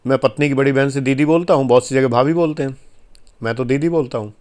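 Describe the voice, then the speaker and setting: A man's voice: medium pitch, fast, darkish tone. A man giving a motivational talk on life and marriage, earnest and exhorting, with firm emphasis. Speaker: life coach giving advice.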